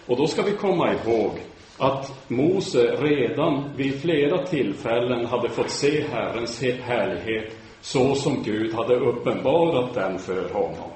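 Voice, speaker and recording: A man giving a sermon lecture in a measured, solemn way, sometimes restarting words. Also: medium pitch, lively intonation, darkish tone. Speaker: preacher giving a talk. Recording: very echoey room, faint background noise.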